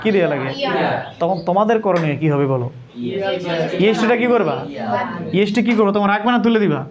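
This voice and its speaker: A man's voice: high-pitched, lively intonation, fast talker, lo-fi sound. A man teaching a classroom lesson, asking the pupils the same question again and again until they answer. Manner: repeats questions to pupils, drilling. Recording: loud classroom crowd noise. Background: class of children answering in chorus.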